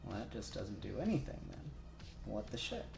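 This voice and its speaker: Co-hosting a casual livestream while he works, a man mutters to himself and trails off, his lowish, fry-tinged voice very animated at a moderate pace. Music plays underneath, and the room is echoey.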